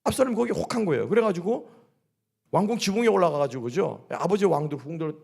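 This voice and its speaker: A man preaching to his congregation at a midweek service, his voice sitting a little high and swinging widely up and down. He keeps throwing questions at the listeners and answering them himself. A gravelly edge runs through his speech. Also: expressive, fast talker, darkish tone. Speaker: pastor. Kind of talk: sermon at a midweek church service. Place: church sanctuary.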